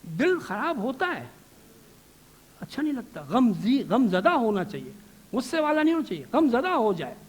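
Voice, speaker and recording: A man with a strikingly high voice delivers a religious lecture to a seated audience. He keeps asking rhetorical questions and answering them himself. He also mixes English words into his talk. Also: big pitch swings, slightly rough. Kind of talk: Islamic lecture to a live audience.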